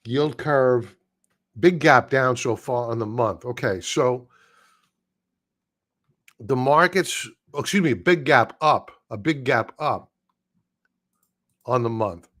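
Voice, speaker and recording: This live market stream host walks through charts slowly, with long pauses, in a mid-range, fairly bright voice with lively intonation. His commentary is blunt, opinionated and full of casual slang, but he's losing his voice, going hoarse and clearing his throat.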